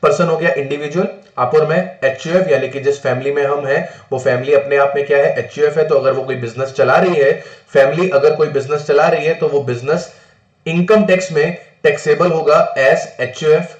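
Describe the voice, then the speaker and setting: A man from northern India teaching a fast-paced tax lecture, mixing English terms into his Hindi and answering his own rhetorical questions. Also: on the high side, fairly even intonation, dull audio. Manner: asks rhetorical questions and answers them himself. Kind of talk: exam-prep classroom lecture. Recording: roomy echo.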